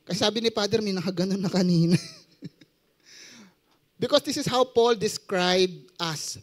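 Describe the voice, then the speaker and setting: A man's voice: high voice, moderate pace. A young adult man with a Filipino accent preaching a sermon, joking and quizzing his audience as he mixes Tagalog and English.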